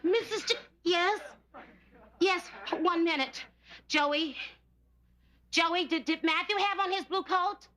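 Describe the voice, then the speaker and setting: An actress playing an exasperated mother of two boys in a sitcom, loud and scolding. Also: very high-pitched, slow pace, pauses often, exaggerated voice. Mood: frantic. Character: frazzled, loud, bossy young housekeeper-mother. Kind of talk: sitcom acting.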